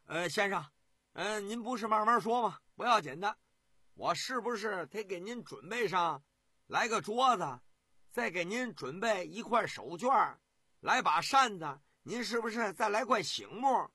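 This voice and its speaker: A man's voice: high-pitched, animated, unhurried, sharp tone, slightly rough, no echo, clean studio sound, full character voice. A man voicing a bewildered ancient king who stammers and fusses in a storytelling show. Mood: flustered. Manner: stammering, fussy.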